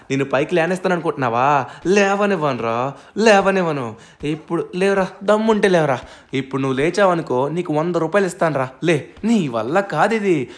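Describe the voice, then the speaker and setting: A man hosting a gameplay video, narrating his role-play dramatically and shouting challenges at a villain. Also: a little high.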